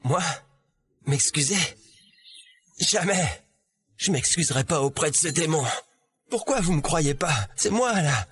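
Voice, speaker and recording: An actor dubbing a wronged young male athlete in a drama, indignant and pleading, with a husky voice. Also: on the high side, animated, measured pace, long pauses, a bit bright. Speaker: young rugby player Liam. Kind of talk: French-dubbed drama.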